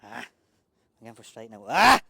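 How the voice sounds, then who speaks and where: A man's voice: a little high, expressive, fairly quick, a little hiss or hum. An Irish tradesman in a casual unboxing chat, joking and swearing as he talks to the person filming. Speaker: tradesman unboxing work gear.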